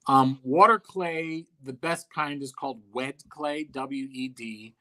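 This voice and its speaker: Male sculptor guest, blunt and deadpan, bright edge to the voice. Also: medium pitch, slow pace. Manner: blunt, dry, profane, offhand. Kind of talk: casual interview talk.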